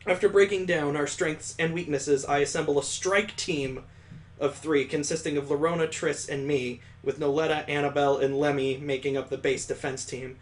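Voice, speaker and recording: A man with a voice on the high side, steady and at normal speed, reads a visual novel aloud as a streamer. He keeps breaking off for sarcastic, amused asides, joking as he reads the game text.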